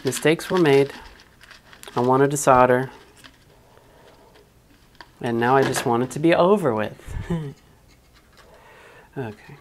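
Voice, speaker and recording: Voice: medium pitch, slow pace, pauses often, a little hiss or hum. Mumbling streamer, casual and self-deprecating. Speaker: livestreamer building a 3D printer. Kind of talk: casual live-stream chat while working. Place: small hot room at home, air conditioner nearby.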